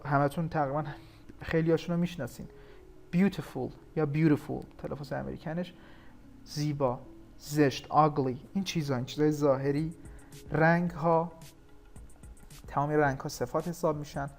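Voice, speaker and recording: A man from Iran teaching an English grammar lesson, explaining patiently and slowing down to read English example sentences. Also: on the high side.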